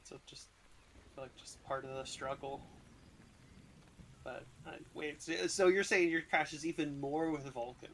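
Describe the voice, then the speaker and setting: A man chatting casually and a bit sarcastically while working in 3D software with others. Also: a little high, normal speed, pauses often, a little hiss or hum, poor audio. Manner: loose, offhand and a bit sarcastic. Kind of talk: casual chat among people sculpting in Blender.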